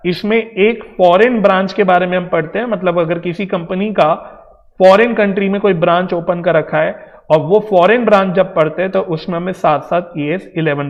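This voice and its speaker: A man with an Indian accent teaches an accountancy class, talking straight to his students and explaining things patiently. His voice sits fairly high. The recording sounds dull, with a long reverb trailing each phrase. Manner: explains patiently in Hindi-English mix, addresses students directly. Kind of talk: online coaching lecture.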